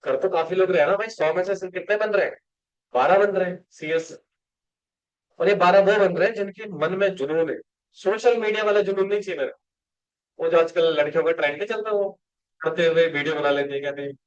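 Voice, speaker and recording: A man's voice: sits high, brisk, muffled recording. A male company law teacher, giving a classroom lecture and coaching students rhetorical questions.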